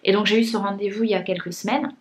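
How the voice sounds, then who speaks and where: A young vlogger from France talks fast to camera in a steady, mid-range voice. The chat is casual, peppered with fillers and restarts, and her nose is audibly blocked up.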